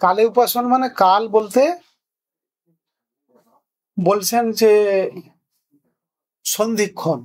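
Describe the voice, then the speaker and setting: High-pitched man giving a spiritual talk, explains slowly n patiently, keeps asking rhetorical questions. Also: steady tone. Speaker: spiritual teacher. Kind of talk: spiritual discourse.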